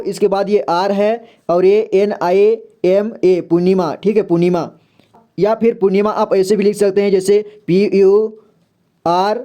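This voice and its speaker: Patient Hindi-speaking teacher, mellow voice. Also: male voice, high-pitched. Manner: slow and repetitive, often says "theek hai". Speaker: English reading teacher. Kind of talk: step-by-step spelling lesson.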